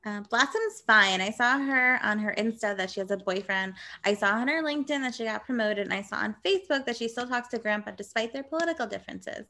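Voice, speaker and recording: A woman's voice: a little high, fast, hardly any pauses, pushed and bright. A woman reading a fretful young heroine. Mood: chatty. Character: sweet young woman superhero, anxious. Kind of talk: script table read.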